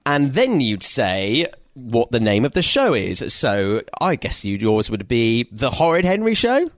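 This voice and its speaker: A man's voice: medium pitch, big pitch swings, measured pace, no room sound. Radio guy chatting, giggly, bouncy voice, dry mic. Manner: playful, giggly, stumbling restarts. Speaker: radio presenter. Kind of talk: casual chat.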